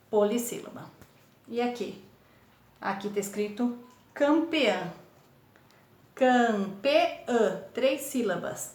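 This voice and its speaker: A woman teaching young children remotely, with a São Paulo accent, sounding out words syllable by syllable in a patient, encouraging way. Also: fairly high pitch. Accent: Brazilian Portuguese, São Paulo state. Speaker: primary school teacher. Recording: echoey room.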